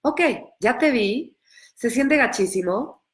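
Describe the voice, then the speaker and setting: A woman's voice: fairly high pitch, expressive, slow pace. A woman giving a live coaching talk, earnest and direct, acting out inner voices and repeating key phrases. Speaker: empowerment coach.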